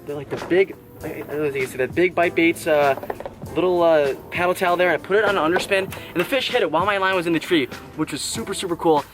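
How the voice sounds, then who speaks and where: An excitable young man with a somewhat high voice talks to his camera while fishing at a pond outdoors. He exclaims often and sounds hot and sweaty in the heat. Faint music plays underneath. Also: fast talker. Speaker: fishing vlogger. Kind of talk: casual vlog talk to camera. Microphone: action camera.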